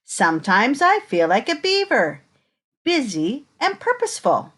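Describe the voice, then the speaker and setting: Her pitch sits fairly high as she reads a children's picture book aloud. She moves through the story slowly and expressively, pausing to pose welcoming questions to the young audience.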